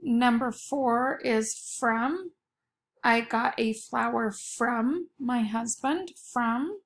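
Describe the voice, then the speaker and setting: A woman teaching young pupils, giving spelling dictation in a fairly high voice with plenty of creak. She speaks at a slow pace, setting key words apart and repeating them with care. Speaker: elementary school teacher.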